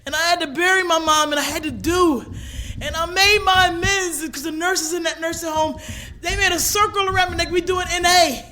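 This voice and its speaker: A woman from gives a personal recovery testimony at a convention. She moves between hushed storytelling and raw, shouted passages. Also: very high voice, steady tone, fairly quick. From Philadelphia, USA. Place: convention hall stage.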